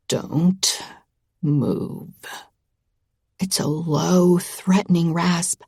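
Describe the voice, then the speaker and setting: Woman narrating in a breathy whisper. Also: on the low side, warm tone, no echo, studio quality.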